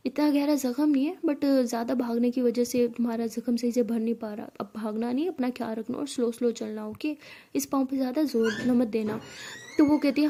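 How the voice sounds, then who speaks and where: A young woman tells a college romance in a relaxed, chatty way, slipping English words in now and then. Her voice sits high but sounds mellow and warm rather than sharp. She speaks every character's lines herself in the same easy storytelling manner. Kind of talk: casual spoken storytelling, voicing each character's lines.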